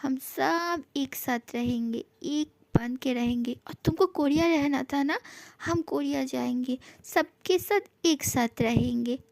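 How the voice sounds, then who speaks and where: A woman's voice: high-pitched, takes it slowly, creaky, a little mellow, dry recording, heavily acted. A woman voicing a doting young husband. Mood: soothing. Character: young man, a tender, teasing husband. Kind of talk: fan audio drama.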